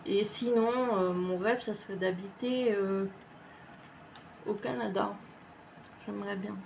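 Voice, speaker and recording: A woman's voice: medium pitch, fairly even intonation, takes it slowly, creaky, darkish tone, slight background noise. A woman vlogger chatting casually as she answers tag questions, rambling and hesitant with lots of fillers and the odd swear word. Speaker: craft vlogger.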